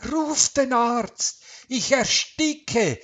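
Storybook read-aloud: man voicing a raised, breathless older woman, slow delivery. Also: high voice, lively intonation, pitched above the performer's own voice, full character voice. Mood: panicked. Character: older woman, sharp-tongued then panicked. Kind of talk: storybook voice acting.

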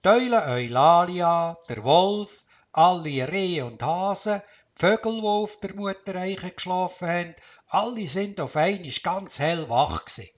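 A man with a Swiss German accent narrating a children's storybook in a calm, measured way. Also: high voice, muffled recording.

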